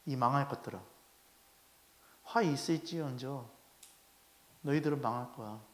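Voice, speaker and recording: A male pastor voicing the Lord as a stern, wrathful figure who scolds disobedient people in a low rebuke. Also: normal speed, reverberant, lightly acted.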